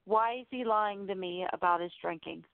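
A woman's voice: medium pitch, moderate pace, vocal fry, no room sound. A middle-aged woman calling in to a radio show over the phone, talking directly and urgently with some stumbles and restarts. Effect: phone-line caller voice. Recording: tinny dry phone line.

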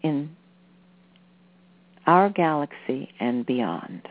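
A woman delivering a channeled spiritual message in a deliberate, soothing manner with halting phrases. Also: deep voice, very animated, no room sound. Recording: phone-like narrow-band sound.

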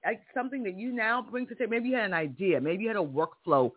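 On a tinny, phone-like recording, a man with a strong, high-pitched and slightly rough voice talks fast. He hosts a career podcast and fires off an emphatic motivational monologue full of rhetorical questions.

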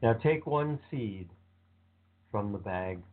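A man leading a guided visualization meditation with slow, calm, soothing instructions. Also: on the low side. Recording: tinny phone-like sound.

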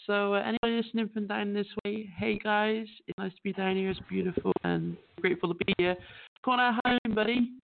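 A woman's voice: medium pitch, steady tone, fast talker, vocal fry. A woman co-hosting a live internet talk show, her voice breaking up over a bad connection as she chats and greets listeners. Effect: voice breaking up over a bad internet line. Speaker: co-host reporting news from the UK. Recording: tinny, broken-up online call audio.

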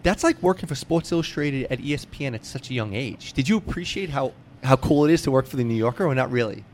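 An American man hosts a casual sports-fan interview with a fan's enthusiasm, often repeating and stammering over words. His mid-range voice is expressive and fast. A little hiss or hum can be heard.

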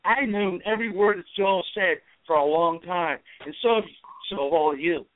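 A man's voice: high voice, moderate pace, slight background noise. A man calling into a talk show, delivering a heated, profane political rant. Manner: profane, fired-up, repetitive. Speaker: call-in guest. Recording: tinny phone line.

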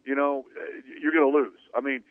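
A man's voice: mid-range voice, level tone, a little fast, dry recording. A man hosting sports talk radio, talking in an opinionated, conversational way, heard through a fuzzy, distorted radio signal. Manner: opinionated, conversational, rhetorical questions. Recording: tinny distorted AM radio broadcast, dry.

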